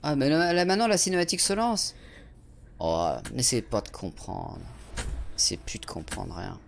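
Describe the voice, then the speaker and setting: This let's play streamer from France speaks in a creaky mid-range voice at a moderate pace, his pitch swinging hugely. He chats about the game he's playing, curses occasionally, and reads out and responds to chat messages. A USB studio condenser mic picks him up, with slight background noise.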